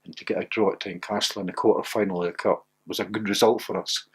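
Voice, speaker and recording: An older man, a former footballer, telling stories in an interview with lots of laughter and rising excitement. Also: fast talker, breathy edge. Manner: laughing anecdotal, gets loud and high when excited. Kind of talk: animated storytelling.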